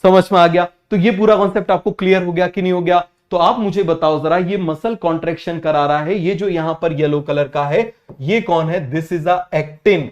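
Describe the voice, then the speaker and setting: Man, high voice, young teacher, keeps checking students follow. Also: fairly even intonation, normal speed, few pauses, muffled recording. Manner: keeps asking students if it is clear. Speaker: biology teacher. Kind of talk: online exam-prep class.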